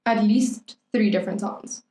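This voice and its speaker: A woman's voice: medium pitch, measured pace, warm tone. Chatty young woman in a roomy echo. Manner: rambling, playful, heavy on "like". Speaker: podcast co-host. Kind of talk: casual chat.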